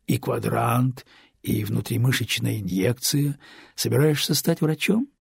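A gentle middle-aged father, careful and measured, as a man reads him. His voice is husky and gravelly in a dry, close storybook recording. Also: mid-range voice, no room sound, heavily acted. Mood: musing.

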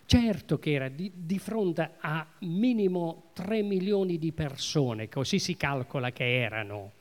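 A man preaching in a church, his voice somewhat high for a man and carried by the long reverb of the hall. He talks very slowly and emphatically, repeating key phrases and asking the congregation questions. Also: lively intonation. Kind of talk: sermon.

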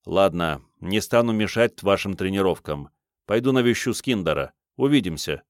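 A man's voice: deep voice, expressive, normal speed, dry recording, clean studio sound. Man doing a blunt, grumbling young fighter. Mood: blunt dismissive.

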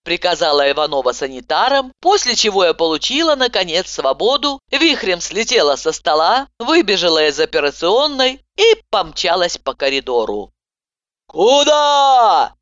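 Female audiobook reader, lively first-person telling, dull dry recording. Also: on the low side, normal speed, few pauses, no echo. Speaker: audiobook narrator.

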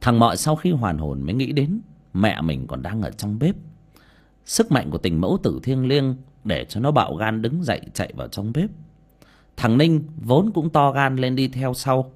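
Brief: male audiobook narrator, dramatic and expressive, hugely animated intonation. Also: mid-range voice, moderate pace, husky. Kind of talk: scripted horror story narration.

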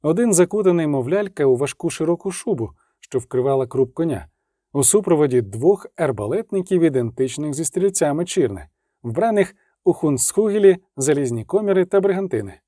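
Male audiobook narrator, expressive and measured, warm dark timbre. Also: a little high, no echo, studio quality. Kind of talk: scripted narration.

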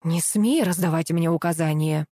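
A woman's voice: sits low, normal speed, dry recording, studio quality. A woman voicing a domineering, scolding middle-aged mother-in-law in an audiobook reading. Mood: bossy. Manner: commanding, sharp, scolding.

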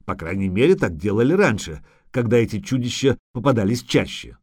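A man narrating a fantasy story and voicing its characters in a lively way. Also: fairly low pitch, fairly quick, slightly rough, no echo, clean studio sound. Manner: lively, animated reading. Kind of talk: audiobook narration with character voices.

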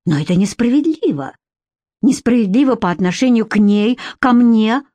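A lovestruck woman speaks softly and slowly, stretching her words as she pleads, as a woman reads her in an audiobook. Her voice lifts higher than the narration, and the recording is dry and close. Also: lively intonation, no echo. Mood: hurt. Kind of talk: audiobook reading.

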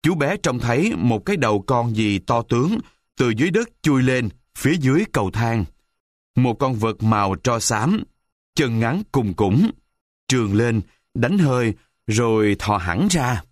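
A man narrating a children's storybook audiobook in an expressive, animated way. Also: medium pitch, unhurried, no room sound, studio quality.

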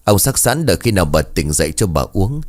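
A man voicing a calm village herbal doctor giving reassuring advice, in a storybook reading. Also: low voice. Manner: measured, reassuring.

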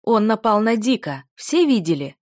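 A woman's voice: medium pitch, very animated, moderate pace, dry recording, studio quality, voice pushed up, natural voice. A woman voicing a sneering young aristocrat bully. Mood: gloating. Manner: mocking, loud and commanding.

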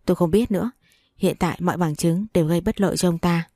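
A woman voicing a calm young businessman in an audiobook story, who speaks in a measured, matter-of-fact way. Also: fairly low pitch, no room sound, close to an everyday voice.

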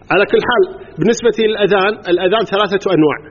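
Racing through a live lesson on religious law, a Kuwaiti-accented man walks his class through each step, tests them with questions and counts off items aloud. His voice is high-pitched. The dull, lo-fi recording from an echoing hall carries a little hiss or hum.

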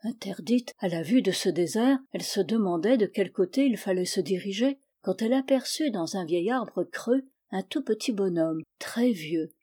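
Une femme qui lit un conte de fées d'une narration mesurée et expressive. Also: female voice, mid-range voice, normal speed, few pauses, husky. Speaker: storyteller. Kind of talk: fairy tale reading.

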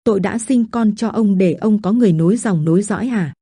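A wronged, tearful wife pleading with her husband, as a woman storyteller voices her. The tone is warm and dark, recorded dry and close for an audio story. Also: medium pitch, a little fast, husky, no room sound, natural voice. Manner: pleading, lamenting.

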